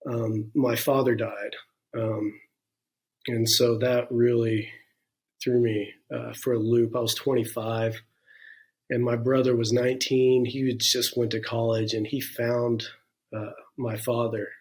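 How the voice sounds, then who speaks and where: A man's voice: medium pitch, little pitch movement, a little slow. Candid man telling his life story. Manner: frank and reflective, with many "you know" and "um" fillers. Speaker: interview guest. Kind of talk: candid personal storytelling in a conversation.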